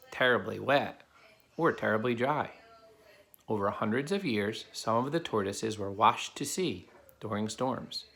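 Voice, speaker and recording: A man reads a children's picture book to a child helper, keeping his explanations simple. His lowish voice sounds pushed and bright, and the recording carries clear background noise.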